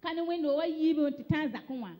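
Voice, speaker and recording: A woman interpreting a sermon live into a local language, quickly echoing each phrase of the preacher. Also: high-pitched, mellow. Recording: dull lo-fi church recording with faint noise.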